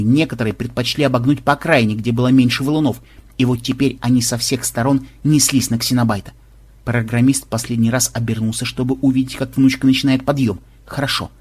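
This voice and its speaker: A man narrating an adventure story in a lively storytelling manner. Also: medium pitch, fast talker, slightly rough. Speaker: audiobook narrator. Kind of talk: scripted narration.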